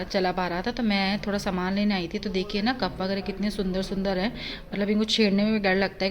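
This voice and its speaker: A woman's voice: medium pitch, low-quality recording. A woman from India narrating her daily vlog in a chatty, explaining way. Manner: chatty, explaining as she goes. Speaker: vlogger.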